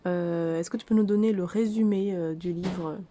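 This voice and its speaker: A woman interviewing an author, asking halting questions full of fillers. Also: lowish voice, steady tone, mellow, slight background noise. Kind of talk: casual interview.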